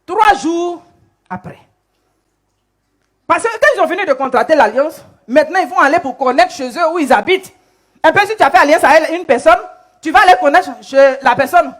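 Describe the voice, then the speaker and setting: Lady preacher telling a story in her sermon, lively, acts out the people. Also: high voice, normal speed. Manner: animated storytelling, acts out characters.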